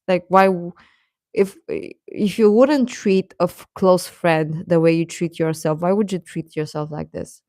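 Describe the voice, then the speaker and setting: In a fairly low, darkish voice, this woman hosts a livestream, chatting encouragingly with young viewers and offering casual, reassuring advice. The sound is dry and clean, like a studio recording.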